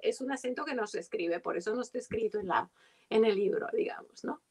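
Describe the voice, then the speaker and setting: A woman's voice: mid-range voice, lively intonation, fairly quick, a little mellow, breathy edge. A woman translator in casual conversation, thoughtful and given to tag questions at the end of her points. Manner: thoughtful, often ends with "digamos, ¿no?".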